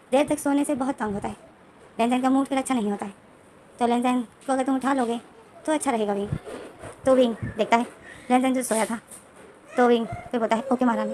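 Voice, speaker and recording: A woman's voice: fairly high pitch, a little mellow, a little hiss or hum, low-quality recording. A woman casually retelling a romance story scene by scene, with loose, repetitive phrasing and frequent restarts.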